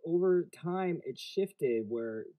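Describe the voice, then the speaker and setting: A man hosts a casual podcast with a mellow, warm voice. He talks in a relaxed, hesitant way, and his pitch moves up and down freely. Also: slow. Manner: relaxed, hesitant, many fillers. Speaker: podcast host.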